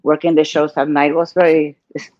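Older woman, Argentine Spanish accent, lowish voice, dull dry recording, lively storytelling. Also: no echo. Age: 60s or older. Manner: lively storyteller, halting non-native English. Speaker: guest. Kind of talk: casual interview chat.

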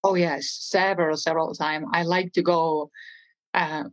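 This guest on a podcast conversation is a real estate trainer from Estonia, a woman in her forties with an Estonian accent. Her low-pitched, steady voice is unhurried, and her earnest, thoughtful answers often restart midway.

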